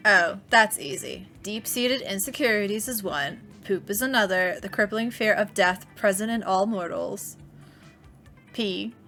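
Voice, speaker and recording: A woman's voice: mid-range voice, a little slow, fairly bright tone, faint music behind. A woman voicing a cheerfully grim female eldritch horror student as she reads game dialogue on a stream. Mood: breezy.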